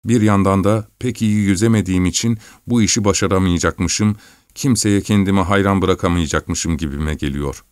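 Low-voiced man reading a story. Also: smooth, no room sound, studio quality. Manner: steady, measured first-person reading. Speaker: audiobook narrator. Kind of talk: storybook narration.

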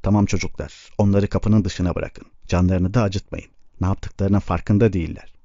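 Man reading steady camp leader, low and stern, dry lo-fi sound. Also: no echo. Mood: grave. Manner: measured, stern but restrained. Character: calm authoritative male camp leader. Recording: dull lo-fi recording.

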